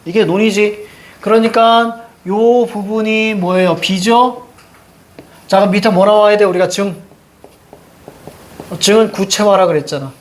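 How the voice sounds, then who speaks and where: A man's voice: sits high, a little slow, pauses often. A man lecturing to a class, drilling students with rhetorical questions and short, emphatic commands. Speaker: Korean reading teacher. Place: classroom with a blackboard.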